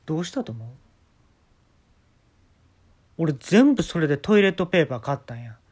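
A young man with a Kansai accent hosting a casual talk show, telling absurd stories deadpan with sudden leaps in pitch. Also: rapid-fire. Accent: Kansai Japanese. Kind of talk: casual storytelling monologue.

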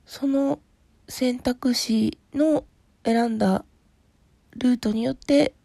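A woman with a husky, rough morning voice, hoarse from sleep, chatting casually and politely as a podcast host replying to listener letters, often trailing into soft murmurs. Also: fairly high pitch, fairly even intonation, slow, no room sound. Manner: polite, appreciative. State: hoarse from having just woken up.

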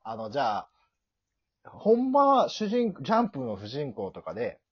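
A young man with a Kansai Japanese accent hosting a casual comedic chat, animated and prone to loud high-pitched shouted bits. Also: normal speed, breathy edge, no echo, lo-fi sound. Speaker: podcast host.

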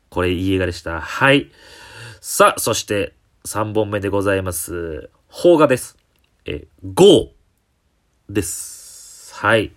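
A male comedian talking casually and enthusiastically on his solo podcast, with lots of fillers. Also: lowish voice.

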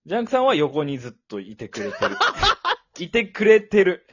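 Man, quick laughing comebacks, slightly high husky voice, dull recording. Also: wildly swooping pitch. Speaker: podcast co-host. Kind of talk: casual joking chat.

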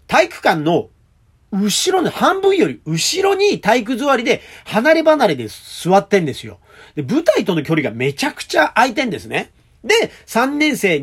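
A stage performer hosting his own talk show, telling stories in a chatty, animated way with polite old-fashioned phrasing and self-deprecating humor. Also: high voice, breathy edge. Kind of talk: casual solo talk.

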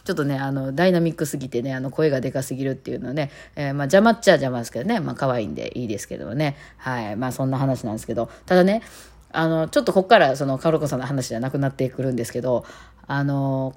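A woman's voice: rumbling low, warm tone. A woman with an Osaka accent chatting on her own podcast, rambling with lots of fillers and laughing now and then. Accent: Kansai (Osaka). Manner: chatty, playful imitations of her cats. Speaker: podcast host. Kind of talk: casual solo talk.

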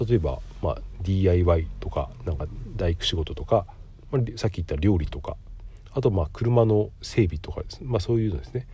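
A middle-aged podcast host with a cold speaks in a low, mellow, husky voice that sounds nasal and stuffy. His intonation is lively and his pace fast as he delivers a polite, explanatory solo monologue, casual and broken up by filler pauses.

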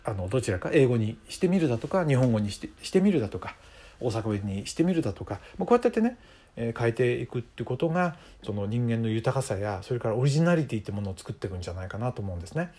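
Lively-pitched man musing aloud. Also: fast talker. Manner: musing, conversational, many fillers. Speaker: podcast host. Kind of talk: casual solo talk.

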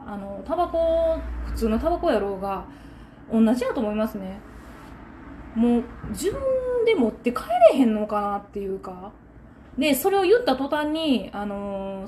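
A woman with a Kansai accent talks through a solo podcast episode, indignant and animated as she vents about a rude customer. Her voice sits a bit high and leaps up and down in pitch. A faint noise floor hums under the recording. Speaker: takoyaki shop owner and podcast host.

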